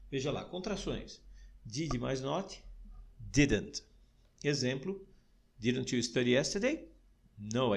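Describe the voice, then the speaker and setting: A Brazilian man teaching English grammar in an audio lesson, explaining patiently and slowing down to model English words. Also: mid-range voice, creaky, breathy edge. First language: Portuguese.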